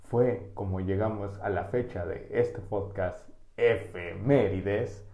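A man's voice: lowish voice, takes it slowly, warm tone, lo-fi sound. A man hosting a comic history podcast with a Mexican Spanish accent, playful and jokey. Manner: playful, jokey, breaks into bits. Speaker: podcast host. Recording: echoey room.

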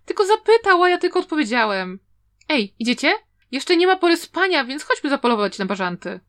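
A woman's voice: high voice, sing-song, a little fast, fairly bright tone. A woman reading a carefree, mischievous young man in an audiobook, answering back glibly and without a care. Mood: breezy. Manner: glib, brazenly talking back.

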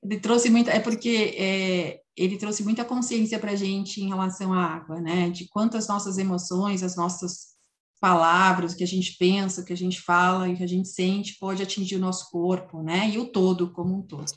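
A woman in a casual talk, speaking haltingly and repeating words. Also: medium pitch, little pitch movement. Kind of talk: casual conversation. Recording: roomy echo, off-mic.

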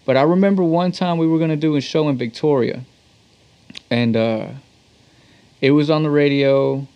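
A talk box musician from Texas shares anecdotes in a laid-back, slang-filled casual interview. His voice is fairly high, clear and resonant yet dark in tone, at a normal speed, though the recording itself is muffled.

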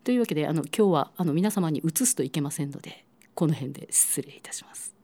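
Gravelly, hoarse low-voiced woman with a cold. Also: animated, fast talker, dark tone. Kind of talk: radio talk to listeners.

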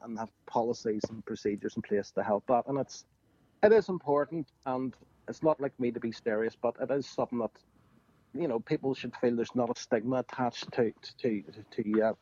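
A husky-voiced man talks casually and jokily, like one of the lads on a podcast. His pitch is ordinary for a man. The sound is dry and slightly dull, like an online call. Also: mellow, no room sound. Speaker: guest reptile keeper.

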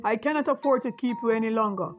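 A woman voicing a coarse, angry male traveling showman who shouts harshly. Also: a little high, fast, muffled recording, faint music behind, close to an everyday voice.

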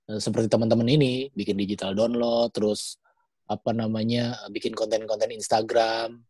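A man speaks with a mellow, husky tone, relaxed and reflective with a few halting pauses. His sound is dry and close. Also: fairly low pitch, no echo. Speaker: stand-up comedian and TV performer. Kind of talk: casual panel chat.

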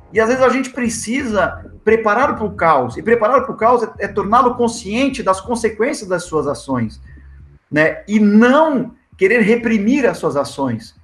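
A man with a Brazilian Portuguese accent, a football assistant coach telling stories in a casual interview and acting out the dialogue in them. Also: sits high. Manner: lively, acts out the dialogue in his stories. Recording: echoey room with faint music.

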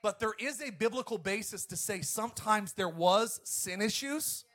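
A man's voice: high voice, lively intonation, normal speed. A male pastor preaching an emphatic sermon to his congregation. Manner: emphatic, preacherly, swings between loud and quiet.

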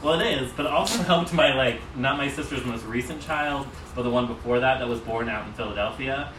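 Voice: mid-range voice, brisk. Chatty host in an echoey room. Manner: chatty, rambling, laughs easily. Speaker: podcast host. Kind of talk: casual chat. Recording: roomy, distant mic with noise.

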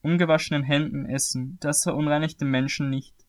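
A calm, authoritative teacher, measured and earnest, as a man reads him aloud. The voice sits a little higher than usual for a man. It sounds like scripted scripture reading. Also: lightly acted. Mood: stern.

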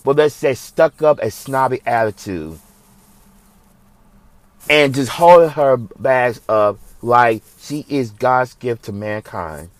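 A man's voice: mid-range voice, takes it slowly, dry recording. A man from the United States hosting a religious commentary show, speaking in an impassioned, preachy way that repeats phrases for emphasis.

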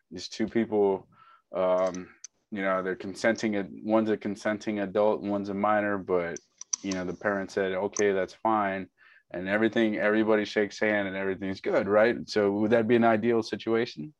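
A man joining a casual debate over a video call, blunt and profane, reasoning out loud with restarts. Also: on the low side, fairly even intonation, moderate pace, dry recording, muffled recording.

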